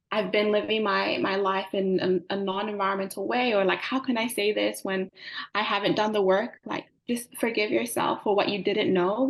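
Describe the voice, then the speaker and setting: A young woman, answering interview questions earnestly with frequent fillers. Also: medium pitch. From Samoa. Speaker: climate advocate guest.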